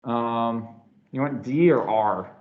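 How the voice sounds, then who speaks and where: A physics lecturer with a medium-pitched voice speaks slowly while teaching a class, his throat sore and his words a little slurred. His delivery is casual and full of restarts and fillers. The classroom lecture was captured in an echoey lecture hall with dull, lo-fi sound.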